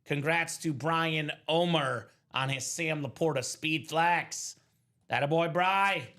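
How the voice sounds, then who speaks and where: An upbeat man in his thirties, originally from Bulgaria, hosts a live card-break stream. His voice sits high and sounds bright and forceful as he hypes up each pull and calls viewers brother. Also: takes it slowly. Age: 30s. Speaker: host of a live sports card break show. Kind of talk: live stream sales chat.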